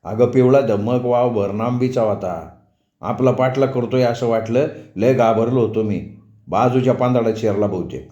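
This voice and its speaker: A man voicing a quick-witted young village man who teases his mother in rustic village speech. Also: medium pitch, dark tone, lightly acted. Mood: spinning tale. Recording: dull, roomy recording.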